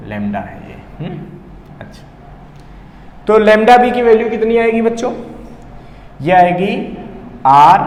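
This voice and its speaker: Working through physics problems one step at a time, a teacher with an Indian accent asks himself questions and then answers them, weaving English technical terms into his speech. His pitch is fairly high, and the recording carries room echo and faint background noise.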